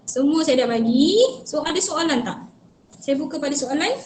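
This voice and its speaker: A woman's voice: high-pitched, expressive, normal speed, darkish tone, echoey room, a little hiss or hum. A woman from Malaysia giving an earnest, advisory online talk to parents over a video call, mixing English phrases into her speech. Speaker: speaker on child protection.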